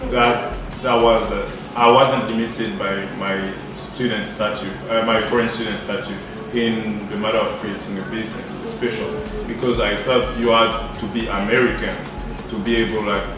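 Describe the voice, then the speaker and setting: A young man from Côte d'Ivoire with a somewhat low voice, feeling his way through his thoughts with plenty of pauses. He sounds distant, in a strongly echoing room. Music sits softly underneath. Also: level tone. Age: 20s. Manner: thoughtful, hesitant, with many fillers. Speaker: interviewee. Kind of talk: casual sit-down chat. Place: living room, indoors. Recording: very echoey room, mic set far off.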